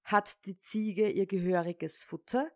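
A woman voicing a hot-tempered old tailor in a fairy tale, scolding his sons at a slow pace. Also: medium pitch, natural voice. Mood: gentle questioning. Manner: scolding, shouting in rage. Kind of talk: storybook fairy-tale reading.

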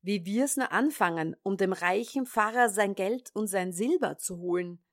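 A woman voicing two wary male thieves in a storybook reading, hushed and furtive. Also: medium pitch, moderate pace, no echo, clean studio sound, close to an everyday voice.

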